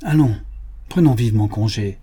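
A man voicing a brave frontier hunter who gives loud commands to his men in a read adventure story. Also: mid-range voice, expressive, moderate pace, breathy edge, pitched above the performer's own voice. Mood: commanding.

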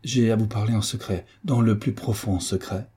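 A man voicing an excitable, self-important older woman housekeeper who talks in exclamations. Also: fairly low pitch, moderate pace, slightly rough. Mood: secretive. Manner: exclamatory, fussy.

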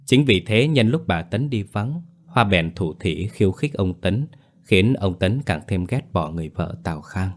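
A man's voice: deep voice, animated, moderate pace. A man narrating a scripted horror story in a grave, dramatic way.

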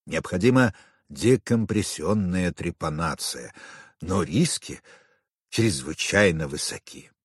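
A man's voice: low voice, expressive, slow pace, husky, no room sound, studio quality, pitched below the performer's own voice, exaggerated voice. An audiobook reader voicing a tired, cautious grey-haired older male neurosurgeon, grave in tone.

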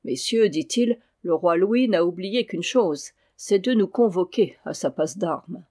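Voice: mid-range voice, animated, unhurried, warm tone. A merry, hard-drinking duke who speaks with lordly good cheer, as the reader plays him. The audiobook voice stays close to the narration, only a touch raised. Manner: jovial, lordly. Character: merry tipsy medieval duke.

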